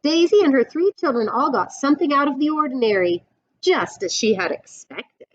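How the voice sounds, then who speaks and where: In a room resembling a classroom, a high-voiced, middle-aged woman teacher reads from a storybook with expression and deliberation, pausing for explanatory asides. The audio, captured by a webcam, sounds slightly dull.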